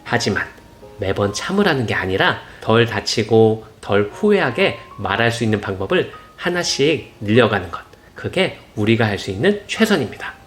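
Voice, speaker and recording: A father gently narrating parenting advice in scripted form, reassuring and warm in his words, now and then acting out short quotes. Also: sing-song, normal speed. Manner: gentle, reassuring tone, acts out parent and child quotes in higher voices. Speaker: parenting channel host. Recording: soft instrumental music behind.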